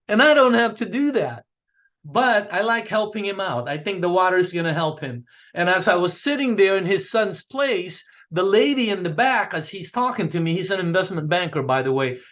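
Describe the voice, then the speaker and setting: Punchy high-voiced man rallying a sales team. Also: fairly bright tone, lo-fi sound. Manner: punchy, repetitive, asks "okay?" a lot. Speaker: business coach. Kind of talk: motivational talk to a sales team.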